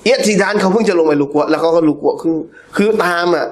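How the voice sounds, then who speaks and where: Man, religious teacher, lively storytelling lecture, fairly high voice. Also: quick pace. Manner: animated storytelling with laughter. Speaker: Islamic teacher.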